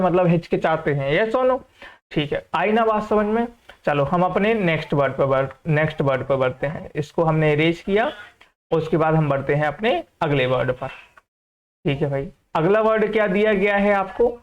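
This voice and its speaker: A man from India teaching English vocabulary, repeatedly asking students if they follow and slowly reading out example sentences. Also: high-pitched. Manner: repeats questions to students and checks understanding. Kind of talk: classroom vocabulary lesson. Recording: dull lo-fi recording.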